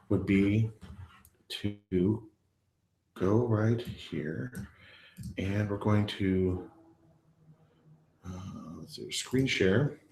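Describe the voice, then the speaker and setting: A man's voice: deep voice, darkish tone, roomy sound, slight background noise. A man hosting a live online presentation, talking it through with many fillers and restarts. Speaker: presenter of a live web session. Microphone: earpiece in, talking to an online audience.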